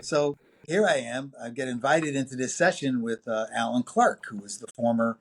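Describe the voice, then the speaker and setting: A man in his sixties with a New York accent, telling long anecdotes as an interview guest, full of fillers and lively quoted voices. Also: mid-range voice, moderate pace, slightly rough. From New York City. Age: 60s. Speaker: music producer and engineer guest. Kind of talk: casual interview storytelling.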